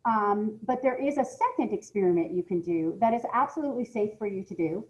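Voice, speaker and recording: In a dull, lo-fi recording, a woman reads a science lesson aloud like a schoolteacher, speaking briskly at a medium pitch with lively intonation. She is instructional and emphatic, often stopping to put questions to the young children listening.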